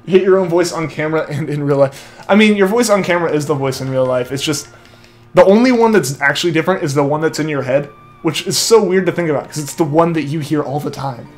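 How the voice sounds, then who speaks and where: A young adult man with a slightly high voice talks quickly as he streams a game and reads viewer comments. His chat is casual and rambling, crowded with "like" and trailing restarts. He's on a headset mic that feeds back into his headphones.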